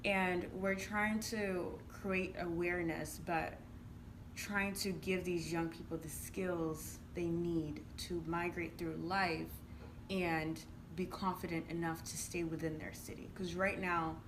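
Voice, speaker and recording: A Ugandan woman, an entrepreneur and youth programme coach, answers interview questions conversationally and earnestly, explaining things and often checking in with "right?". Her lowish voice is flat and slow. Noticeable room noise fills the recording.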